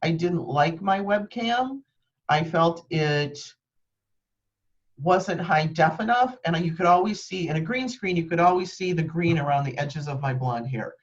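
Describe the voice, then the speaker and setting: Talking a little slowly in a fairly low voice, a woman hosts a live training call from her home office with a green screen behind her. She keeps it practical and says "um" a lot. Dull audio comes through her webcam mic.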